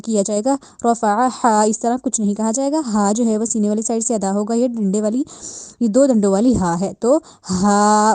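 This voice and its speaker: A woman teaching Quran recitation rules, explaining each letter slowly and patiently, repeating points and checking understanding as she goes. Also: fairly high pitch, mellow, no room sound. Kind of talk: tajweed lesson with slow drawn-out recitation.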